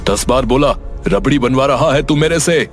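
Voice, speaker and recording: An irritable cartoon sweet-seller who snaps and insults as a man voices him. His voice is gruff and impatient, with music playing behind. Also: medium pitch, normal speed, lightly acted. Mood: irritated. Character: angry, short-tempered sweet-shop owner. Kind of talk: cartoon voice acting. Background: background music.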